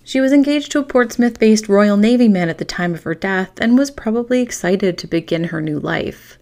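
A woman with a mid-pitched voice narrates as a podcast host. She reads from a script in a true crime style, with measured phrasing shaped for dramatic storytelling. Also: expressive, a little mellow.

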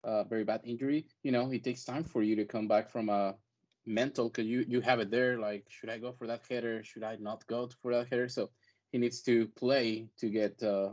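A man with a medium-pitched voice chats casually as a guest on a sports podcast. The recording is slightly dull and lo-fi. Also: steady tone, normal speed, a little mellow.

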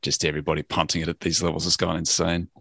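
Man, podcast host, very low pitch, gravelly, dry room, blunt and rambling. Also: flat delivery, fast, a bit bright, no room sound. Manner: blunt, rambling, many restarts. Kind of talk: casual finance podcast chat.

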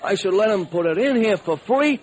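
On a slightly noisy old radio recording, a man plays a comic sidekick: an eager, gullible, good-hearted ex-burglar who owns a diner. His voice is high-pitched and a little fast, proud and cheerful, with folksy, excitable, uneducated slangy speech.

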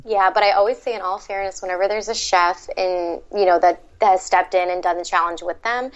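A woman's voice: mid-range voice, steady tone, fairly quick, dull audio. A woman co-hosting a casual talk show, explaining cooking things through everyday comparisons. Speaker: co-host. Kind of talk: casual chat.

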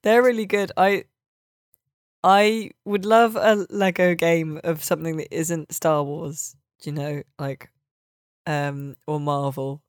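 A podcast host with a mid-pitched voice speaks slowly and steadily in casual games chat packed with swearing and wry jokes. The recording is dry and close.

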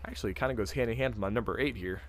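Excitable man gushing on a podcast. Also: fairly low pitch, very fast. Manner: enthusiastic, filler-heavy with lots of "like". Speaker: podcast co-host. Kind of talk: casual podcast chat. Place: studio.

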